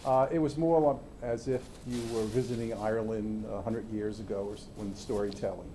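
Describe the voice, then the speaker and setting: A man's voice: on the low side, steady tone, brisk. A man giving casual comments in an interview as an audience member. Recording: noisy ambience around voice.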